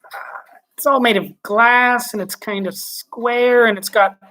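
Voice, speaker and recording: A man's voice: fairly even intonation, slow pace, pushed and bright, exaggerated voice. A man reading a children's book aloud, voicing a panicky male astronaut captain in a raised, urgent voice. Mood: alarmed. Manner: high, urgent, breathless reports.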